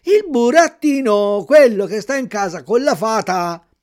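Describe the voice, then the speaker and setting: A man's voice: high-pitched, expressive, measured pace, pitched above the performer's own voice. A man voicing a wooden puppet boy who pleads urgently and whines when he is kept waiting. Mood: pleading.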